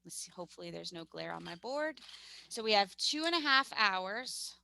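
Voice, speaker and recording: A woman's voice: medium pitch, animated, normal speed, gravelly, sharp tone. A young woman with a New York accent teaching a math lesson over a video call, chatty and upbeat, often correcting herself.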